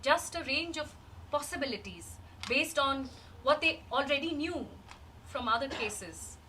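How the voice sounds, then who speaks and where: Woman acting a slow, grieving woman in a stage reading. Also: high-pitched, expressive, pushed and bright, heavily acted. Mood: grave, explanatory. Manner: measured, halting delivery with long pauses. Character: grieving woman recalling a dead loved one, wistful and searching. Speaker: actor in a rehearsed reading of a play. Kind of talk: dramatic monologue, rehearsed reading from a script. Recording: distant microphone, faint background noise.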